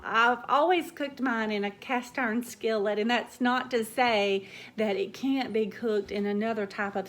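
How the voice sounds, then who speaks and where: A woman with a Southern US drawl, chatting gently to her viewers as the host of a home cooking channel. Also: mid-range voice. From Southern United States. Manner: gentle, slow, warm storytelling drawl. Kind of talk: casual chat to viewers.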